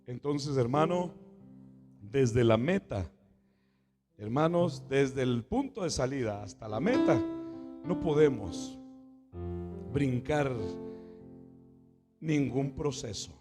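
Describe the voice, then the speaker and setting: A Mexican man preaching a Pentecostal sermon as pastor. He rises to shouts, drops to a hush, and keeps calling out to his brothers and sisters. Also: mid-range voice, animated, takes it slowly, pauses often. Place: church hall. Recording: echoey church with guitar playing behind.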